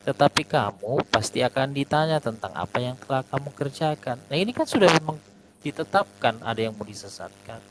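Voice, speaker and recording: A man's voice: mid-range voice, lively intonation, brisk. A man in an online debate whose voice keeps breaking up over a bad connection, arguing methodically and quoting verses with hesitant "eh"s. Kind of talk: argumentative debate over a voice chat. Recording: noisy online call with hum and dropouts.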